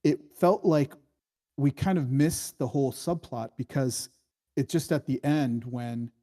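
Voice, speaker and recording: A warm-toned man of medium pitch speaks a little slowly while giving informal notes on a screenplay as a screenwriting workshop critic. He hedges, wanders and keeps starting over as he reasons his way through.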